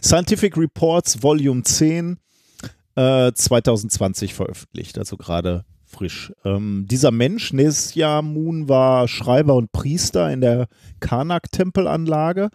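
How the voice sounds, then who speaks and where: A man's voice: mid-range voice, unhurried, mellow, no echo, studio quality. A man co-hosting a science podcast, explaining at length in a casual way with plenty of ums and tag questions. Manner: long explanations with many filler sounds and tag questions. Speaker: podcast co-host presenting a science story.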